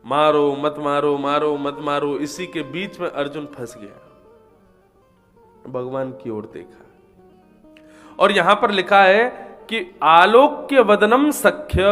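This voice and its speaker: A man's voice: high-pitched, fairly bright tone. A man telling a scripture story in a devotional discourse, voicing the characters and chanting verses.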